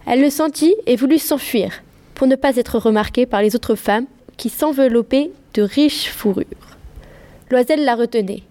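A woman reads a classic story aloud in a flowing, expressive way. Her voice sits high but has a dark, mellow color. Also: moderate pace. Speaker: narrator. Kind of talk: scripted narration.

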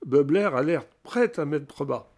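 A man's voice: on the high side, expressive, unhurried, darkish tone. Man voicing a dry, gloomy woman reporter. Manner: dry, morose, reluctant.

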